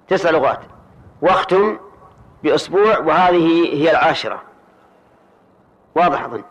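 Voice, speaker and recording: A man teaching a grammar lesson in a methodical way, repeating each word form slowly and checking that his students follow. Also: high-pitched. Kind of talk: grammar lesson explaining a poem line. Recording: dull lo-fi lecture recording.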